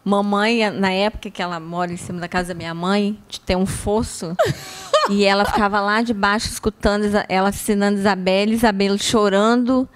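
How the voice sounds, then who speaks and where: A woman's voice: medium pitch, a little fast, clear, resonant tone. A woman, an educator explaining things in a teacherly way during a casual chat.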